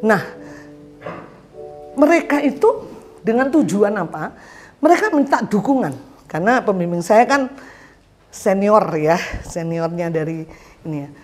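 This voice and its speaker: A woman's voice: medium pitch, animated, measured pace, long pauses, faint music behind. A woman preacher giving an emphatic church sermon, often asking the congregation to agree with her. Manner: acts out quoted people in changed voices. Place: church service.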